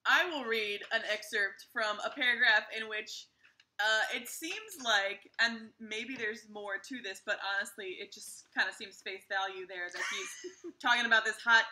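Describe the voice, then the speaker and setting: Sharp, bright-voiced wry woman. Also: a little high, moderate pace, low-quality recording. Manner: wry, sarcastic asides. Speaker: bookstore podcast co-host. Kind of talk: casual bookish chat, reading excerpts.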